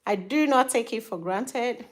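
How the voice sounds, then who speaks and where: A hair care vlogger with a Nigerian accent, middle-aged and a mother, laughs often while casually walking viewers through doing her daughter's hair at home. Her pitch is fairly high and her pace a little slow.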